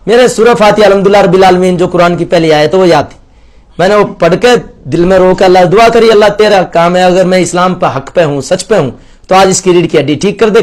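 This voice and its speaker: A young man giving an earnest personal testimony, acting out the dialogue as he retells it. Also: high-pitched. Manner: earnest, storytelling with quoted dialogue. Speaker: convert sharing his story.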